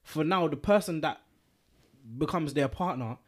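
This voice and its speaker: A man talks casually on a podcast, his voice sitting on the higher side. He rambles through his points and keeps checking whether you follow him. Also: normal speed. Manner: rambling, repeats "do you know what I'm trying to say". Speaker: podcast co-host. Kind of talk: casual chat.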